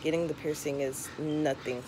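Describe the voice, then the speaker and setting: A woman's voice: low voice, fairly even intonation, moderate pace. A young woman with a slight lisp from a tongue piercing, chatting frankly and casually as she gives advice to camera. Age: young adult. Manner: frank, conversational advice-giving. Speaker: vlogger. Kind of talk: casual vlog chat. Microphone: camera or phone at arm's length. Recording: clear background noise, home camera recording.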